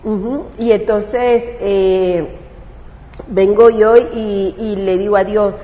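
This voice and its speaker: A woman's voice: medium pitch, steady tone, takes it slowly. A woman pastor with a Salvadoran accent telling her testimony in an interview. She speaks with feeling and acts out the words she once said. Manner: emotional storyteller who acts out her own past words. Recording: roomy, dull recording with faint hiss.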